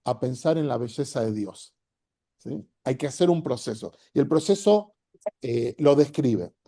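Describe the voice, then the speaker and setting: Man, Rioplatense accent, rabbi teaching a class; mellow tone, casual lecture, acts out the inner voices he describes. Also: medium pitch, lively intonation, measured pace. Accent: Rioplatense Spanish. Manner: conversational, checks in with frequent "¿sí?".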